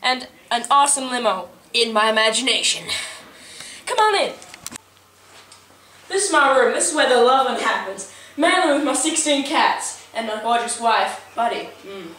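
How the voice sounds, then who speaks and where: A young woman giving a comedic mock tour of a house, boasting deadpan with sudden yelps, filmed indoors on a home camera from a distance. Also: fairly high pitch, moderate pace. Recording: echoey room, distant mic, noisy home video.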